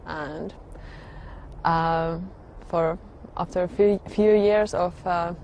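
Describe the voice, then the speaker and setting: A woman, sharing her personal testimony in a halting, reflective way full of pauses and fillers. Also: lowish voice, steady tone, darkish tone, a little hiss or hum. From Finland. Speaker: religious convert sharing her story.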